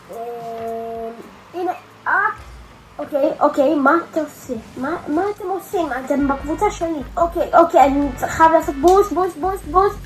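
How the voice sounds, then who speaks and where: A woman with a very high, piercing voice, commenting live as she plays a video game. She is excitable, bursting into loud exclamations and rattling off the same word over and over. Faint music plays quietly underneath. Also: rough recording. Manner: excitable, loud exclamations and rapid repeated words. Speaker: gaming video creator.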